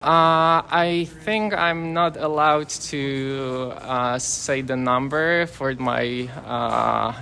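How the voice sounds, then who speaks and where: A man from Poland, a software developer, answering street interview questions slowly and hesitantly. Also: mid-range voice, steady tone, gravelly. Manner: slow, hesitant, with fillers.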